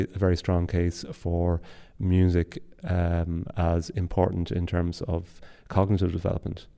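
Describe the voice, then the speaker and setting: Very deep, gravelly-voiced male academic. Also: warm tone. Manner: thoughtful, formal, with restarts. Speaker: music academic. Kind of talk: interview answers.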